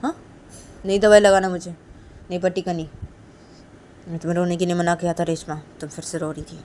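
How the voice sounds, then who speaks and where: A woman voicing an angry, stubborn young woman in a spoken love story, loudly scolding and repeating her accusations. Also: lowish voice, little pitch movement, fairly quick, a little hiss or hum, close to an everyday voice. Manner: loud scolding, repetitive accusing. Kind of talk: storytelling role-play.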